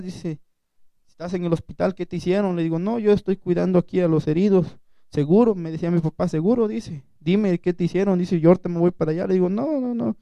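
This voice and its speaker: A young man with a Mexican accent gives a personal testimony to a gathering. He retells events through quoted back-and-forth and halting restarts. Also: high-pitched, gravelly, mellow, dry recording. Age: young adult. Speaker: student survivor giving testimony. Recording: dull lo-fi recording.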